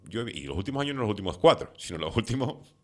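With a low, animated voice that races along, a middle-aged radio host interviews a guest conversationally. His Spanish accent is non-Canarian, as he is not from the islands, and he is chatty and opinionated with lots of fillers.

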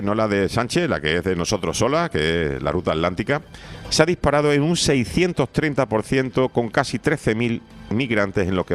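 A man runs through the day's news on the radio in a fairly low voice. He mixes headlines with his own opinions and often stops to hesitate or correct himself. Soft music plays quietly under him. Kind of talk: radio news review with personal commentary.

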